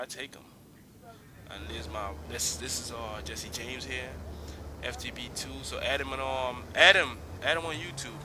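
A young man casually commenting on his own game footage as a channel host, laid-back, swearing freely and calling everyone "man". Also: mid-range voice. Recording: noisy homemade recording with hiss.

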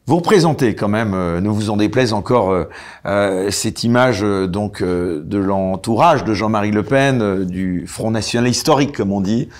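A man with a fairly low voice hosts the interview. He puts long, winding questions to his guest and fills them with hesitations. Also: moderate pace. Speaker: interviewer host. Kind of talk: political interview.

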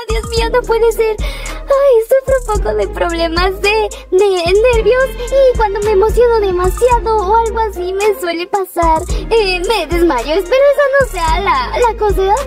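A woman vlogging excitedly from a red carpet, gushing and exclaiming breathlessly. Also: very high-pitched. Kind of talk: excited casual vlog. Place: outdoor red carpet with crowd. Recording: loud music over the voice.

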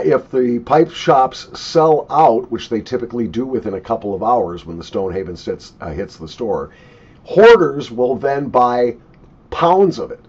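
A man's voice: medium pitch, a little mellow, husky. A man in his sixties giving a casual, opinionated, unscripted product review in an emphatic way, recorded at a desk in a small home office. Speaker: pipe tobacco reviewer. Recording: dull lo-fi webcam sound.

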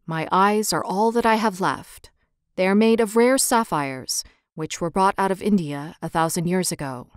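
Woman as a storybook statue prince, sorrowful, tender, solemn, lowered pitch, dry sound. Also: moderate pace, clear, resonant tone, dry recording, close to an everyday voice.

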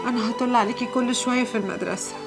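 A woman's voice: on the high side, steady tone, rapid-fire, lightly acted. An actress playing a wronged, desperate young woman with an Egyptian accent, given to wailing, pleading outbursts. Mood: tender. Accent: Egyptian Arabic. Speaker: film actress. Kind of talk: film melodrama acting. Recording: music score behind. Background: film score music.

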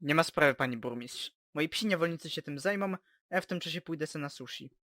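A woman's voice: expressive, quick pace, fairly bright tone, no echo. A woman doing a bossy, lazy boy leader. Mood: smug. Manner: lowered voice, sneering and domineering. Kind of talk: parody cartoon dub. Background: music.

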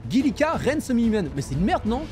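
A young man streaming a video game, reacting loudly with frequent swearing and startled yelps over game music. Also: very high voice, fast talker. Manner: excitable, swears a lot, yelps in surprise. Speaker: gaming streamer. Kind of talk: live game commentary. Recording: game music loud behind the voice.

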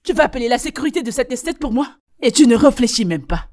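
A woman's voice: on the high side, lively intonation, fast, darkish tone, natural voice. An actress dubbing a bossy, scolding older mother in a French film dub. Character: overbearing older mother visiting her son.

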